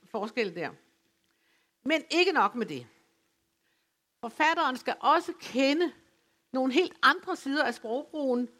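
A woman from West Funen giving an academic lecture, speaking in a measured, explanatory way with occasional hesitations. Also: on the high side, a bit bright. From West Funen, Denmark. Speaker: lecturer on dialect literature. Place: folk high school lecture venue.

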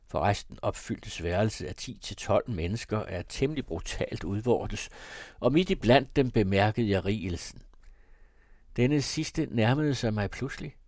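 A man reading a classic novel aloud as audiobook narrator, in a measured, even storytelling manner. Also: on the low side, no room sound, clean studio sound.

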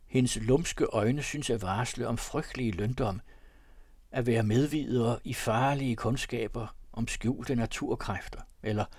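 A man's voice: mid-range voice, darkish tone, husky, dry recording, studio quality, lightly acted. A man reading an audiobook, voicing a melancholy young man haunted by dread, in a solemn, confiding tone. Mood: brooding. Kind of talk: audiobook reading of classic fiction.

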